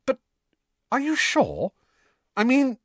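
A man voicing an excitable bookish teenage girl in an audiobook, speaking in a breathless, high and eager way. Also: very slow, slightly rough, no echo, clean studio sound, heavily acted. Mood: stunned. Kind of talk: audiobook character voice.

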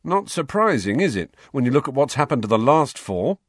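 A man's voice: mid-range voice, very animated, a little fast, breathy edge, dry recording, clean studio sound, pitched above the performer's own voice. A man voicing a wry, sardonic teenage boy twin in an audiobook, with a wry, indignant manner. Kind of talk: audiobook character voice.

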